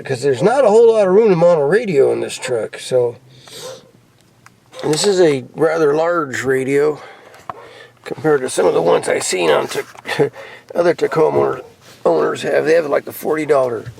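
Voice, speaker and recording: A gravelly American man, voice on the high side and a little mellow, rambles casually as a hobbyist vlogger showing off his CB radio gear in or around a pickup truck. It's a noisy handheld camera recording with clicks.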